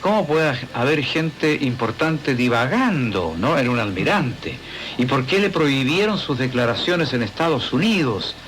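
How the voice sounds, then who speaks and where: A man's voice: mid-range voice, very animated, a little slow, fairly bright tone, slight background noise, rough recording. A man hosting a radio talk show, interviewing a guest in a rambling, conversational way with many asides. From Chile.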